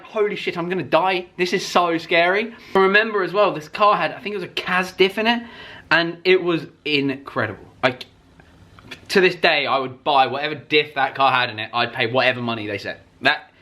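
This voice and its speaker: Speaking with a voice on the high side, a man tells a story from his own life the way a vlogger would, excited and informal, with emphatic cursing and dramatized reactions.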